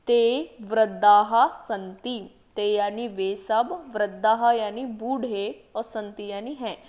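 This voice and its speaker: A woman teaching a lesson at a slow, deliberate pace, reading each word out and then explaining it. Her voice sits a little high. The recording is dull and lo-fi. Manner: reads each word, then gives its meaning. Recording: dull lo-fi voice-over.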